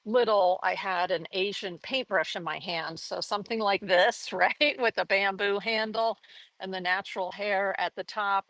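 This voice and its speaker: A woman's voice: medium pitch, fairly bright tone, dry recording, low-quality recording. A middle-aged woman teaching a live painting lesson in a chatty, folksy way, laughing often as she talks. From grew up in Taiwan and Korea. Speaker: art teacher.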